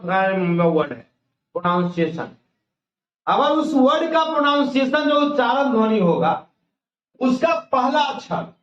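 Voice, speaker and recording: Guy teaching grammar in a classroom, keeps asking questions and answering them, high voice, echoey room. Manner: explains step by step, asks questions and answers them himself; folksy, colloquial teaching style. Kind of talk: classroom lecture. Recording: echoey, distant, dull lo-fi classroom recording.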